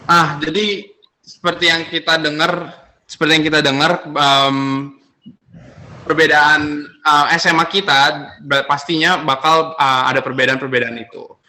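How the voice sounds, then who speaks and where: Bright-voiced teen boy hosting a podcast. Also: fairly high pitch, measured pace. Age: teens. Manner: relaxed, hesitant with fillers. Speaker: student podcast host. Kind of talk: casual podcast chat.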